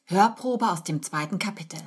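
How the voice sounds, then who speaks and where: A woman narrating an audiobook in a calm, measured storytelling manner. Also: mid-range voice, slightly rough.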